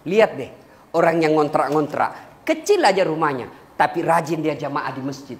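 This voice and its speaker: A man preaching a humorous sermon to a congregation, lively and joking, sometimes breaking into a few lines of song. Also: on the high side, moderate pace. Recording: echoey hall with faint ambience.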